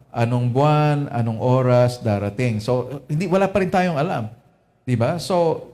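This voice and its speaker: A man's voice: medium pitch, warm tone. Filipino man preaching in Taglish. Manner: Taglish, frequent "no?" and "di ba?" tag questions. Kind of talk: Lenten sermon.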